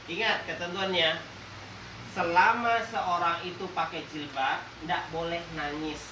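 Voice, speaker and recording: A man's voice: on the high side, fairly even intonation. Playful male teacher in an echoey classroom. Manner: playful, quizzes the class and jokes; drawls out example words slowly. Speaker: religious teacher. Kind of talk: classroom lesson with call-and-response. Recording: roomy, distant classroom recording with faint noise.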